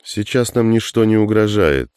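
A man reading the part of a calm, confident armed man in an audiobook. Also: lowish voice, moderate pace, smooth, no room sound, studio quality, pitched above the performer's own voice, natural voice. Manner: calm and assured.

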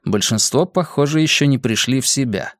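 A man narrating an audiobook with expressive storytelling. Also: mid-range voice, brisk, no room sound. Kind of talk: scripted narration.

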